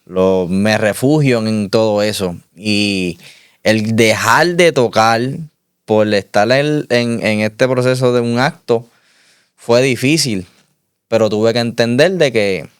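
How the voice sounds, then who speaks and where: A man speaks in a measured, reflective way and circles back to his key lines. His voice runs fairly low and sounds smooth and clear. The recording is dry and close to the mic. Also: dry recording. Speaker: interview guest giving testimony. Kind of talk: reflective faith testimony.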